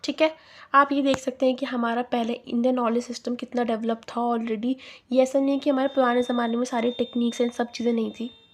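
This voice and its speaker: A young woman with an Indian accent, teaching an exam revision lesson. Her voice is a little higher than usual. She asks herself a question and answers it, explaining everything slowly and step by step. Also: flat delivery, slight background noise. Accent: Indian English. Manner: mixes English terms into Hindi.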